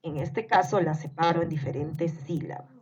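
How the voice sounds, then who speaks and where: A woman teaching a grammar lesson, speaking slowly and deliberately and spelling out syllables one by one. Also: deep voice, a little mellow, husky. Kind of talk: scripted grammar lesson narration. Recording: dull lo-fi recording.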